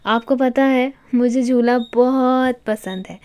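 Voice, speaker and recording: A woman voicing a drunk, playful young wife who teases and whines, a little higher than usual. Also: slow, smooth. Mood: teasing. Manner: petulant, whiny shouting.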